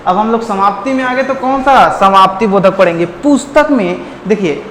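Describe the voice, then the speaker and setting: A man teaching a Hindi grammar lesson in a playful, joking way, warmly calling his listeners friends and drawing out words to demonstrate them. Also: high voice, normal speed. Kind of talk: online classroom lesson. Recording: echoey room with long reverb and faint noise.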